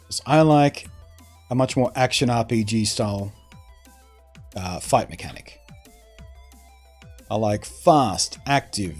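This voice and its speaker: A male streamer talks loosely to his viewers in a mid-range voice, neither high nor low. He rambles and often restarts his sentences while he airs his opinions. Faint music plays in the background. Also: a little mellow. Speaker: streamer answering chat. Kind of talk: casual live-stream chat.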